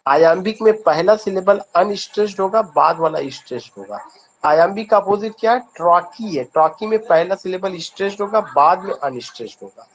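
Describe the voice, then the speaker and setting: An English teacher with an Indian accent runs an online exam-prep lesson, asking questions, answering them himself and repeating key points. His high voice is animated and fairly quick, and the highs are cut off.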